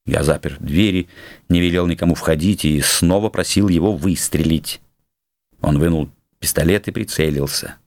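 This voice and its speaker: A man reads classic prose as an audiobook, his voice low and deep. He takes an unhurried, measured pace, each sentence given its weight. The sound is dry and close, with no room around it. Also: gravelly, dry recording. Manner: measured, unhurried literary reading with shifts into characters. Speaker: narrator.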